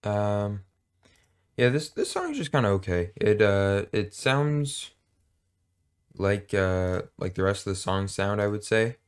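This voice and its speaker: Brief: male podcast co-host, low voice, loose rambling chat, halting delivery. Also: big pitch swings, clear, resonant tone. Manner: rambling, hesitant, jokey. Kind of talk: casual chat.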